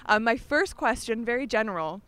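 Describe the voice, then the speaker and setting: A woman's voice: on the high side, expressive, fairly quick, a bit bright, clean tone. A woman from Canada co-hosting a church podcast, chatting casually with fillers and interviewing people on the street. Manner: friendly, chatty, many fillers.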